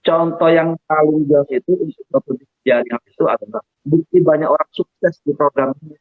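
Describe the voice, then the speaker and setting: A man's voice: on the high side, fairly quick, no echo. Man on a choppy, breaking-up call line. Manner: animated storyteller, chuckles often. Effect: choppy, breaking-up call audio. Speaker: guest. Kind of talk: telling a personal story on a call. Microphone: remote call, phone or laptop. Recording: tinny phone-like call line.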